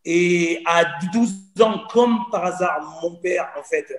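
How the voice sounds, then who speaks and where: Soft music plays in the background as a Cameroonian man in his 40s speaks slowly in a high voice. He is a guest giving an earnest personal testimony in conversation, telling his story and repeating phrases, recorded with a roomy echo.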